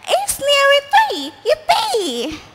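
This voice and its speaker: A woman's voice: extremely high pitch, measured pace, voice pushed up, heavily acted. A squealing, giddy old witch, played by a woman. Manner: squealing, excited. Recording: echoey hall.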